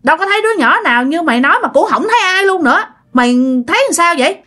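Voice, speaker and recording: A woman's voice: very high-pitched, lively intonation, rapid-fire, bright, forceful tone, pitched above the performer's own voice, full character voice. A woman voicing a friend who bossily scolds the group in a ghost story. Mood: puzzled. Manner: bossy, blunt. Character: impatient young woman scolding her friend.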